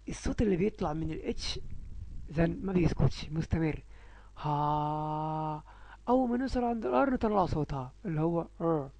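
رجل بلهجة مصرية يشرح درسًا في الصوتيات الإنجليزية لأطفال صغار، ويمدّ أصوات الحروف ببطء. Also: male voice, high-pitched, dark tone, no echo, poor audio. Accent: Egyptian Arabic. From Egypt. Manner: slow, drawn-out sounding of letters. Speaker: English teacher for young children. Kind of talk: phonics lesson.

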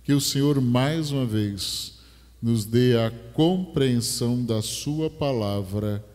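A middle-aged pastor from Brazil with a Rio de Janeiro accent, reading scripture and preaching a sermon on a headset mic in a large church. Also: male voice, mid-range voice, a little mellow. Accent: Rio de Janeiro Portuguese. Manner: slow, measured scripture reading building to emphatic preaching. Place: large church stage, indoors. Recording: long church hall reverb.

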